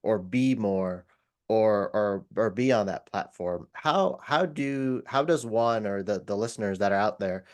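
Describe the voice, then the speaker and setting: A man hosting a podcast, asking questions in a halting way with restarts and fillers. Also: on the low side. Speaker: podcast host. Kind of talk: casual interview questions.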